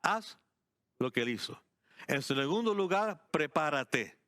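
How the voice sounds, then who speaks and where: A man preaching a sermon as pastor, emphatic, repeating key phrases and moving between slow, deliberate words and quick bursts. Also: a little high, lively intonation, a bit bright, no echo, clean studio sound.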